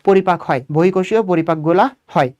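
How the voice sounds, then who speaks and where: A man's voice: high-pitched, fairly even intonation, fast talker, a little mellow, muffled recording. A young man giving an exam coaching lecture on biology. He asks the class questions, answers them himself, and repeats key points. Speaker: biology teacher.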